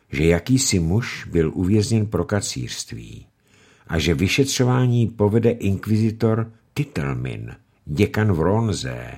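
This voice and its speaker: Deep husky male storyteller. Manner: expressive storytelling. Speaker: narrator. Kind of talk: audiobook reading.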